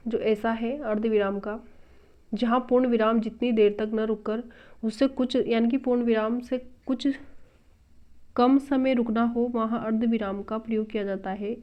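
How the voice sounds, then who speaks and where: A woman teaching a grammar lesson, patiently explaining step by step from a textbook and repeating each term. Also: fairly high pitch. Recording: dull lo-fi recording.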